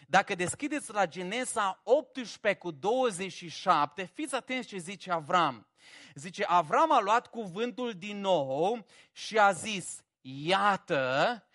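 A man preaching a sermon, humorous and animated, swinging from quiet reflection to loud emphasis. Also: sits high. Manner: animated and humorous, acting out biblical characters.

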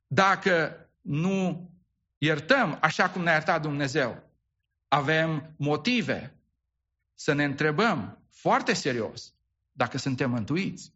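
A man's voice: a little high, expressive, pushed and bright, muffled recording. A man preaching a sermon as pastor, asking the congregation rhetorical questions and often repeating and restarting his words.

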